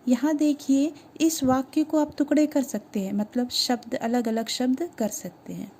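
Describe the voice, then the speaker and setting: A woman teaches a grammar lesson to schoolchildren in a high, breathy voice with a dark, mellow tone. She explains step by step and asks questions that she answers herself. She slows down to sound out each letter. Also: fairly even intonation.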